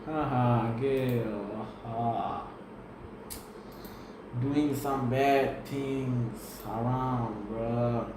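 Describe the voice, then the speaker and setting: A man's voice: medium pitch, fairly even intonation, drawn-out words. A young man streaming live, talking to strangers in a playful, teasing way with mumbled asides. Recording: very echoey room, faint noise.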